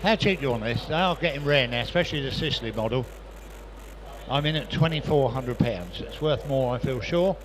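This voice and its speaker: Crowd noise surrounds a man with a medium-pitched voice who works a live sale as an auctioneer in a busy sale room. He talks a little fast, running through repetitive patter of prices and bids.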